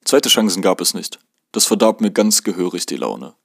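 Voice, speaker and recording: A man from Germany reading his first-person memoir aloud in a measured, calm way. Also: deep voice, vocal fry, dry recording, clean studio sound. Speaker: narrator.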